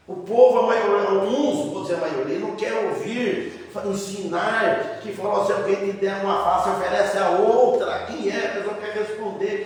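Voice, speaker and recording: High-voiced pastor preaching in an echoey church. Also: male voice. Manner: plain conversational preaching, addressing the congregation as brothers; breaks off words and restarts. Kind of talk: sermon. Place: church sanctuary. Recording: echoey church hall, mic far off.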